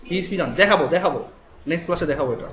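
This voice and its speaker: Man instructor, Bangladeshi Bengali accent, brisk live coding lesson, slightly high voice, echoey room. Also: noisy background. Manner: rapid, explanatory, asks students checking questions. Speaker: web development instructor. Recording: echoey room with faint ambience.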